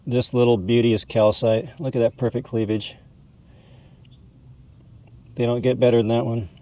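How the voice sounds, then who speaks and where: The host's mid-range voice has a dark tone and little pitch movement, and he talks at a normal speed. A mineral hobbyist educator, he explains and shows things in a folksy, conversational informal video, labeling items "this guy."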